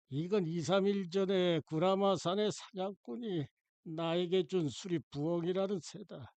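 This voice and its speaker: A man doing a sneering old painter, hushed and slow. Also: a little high, no echo.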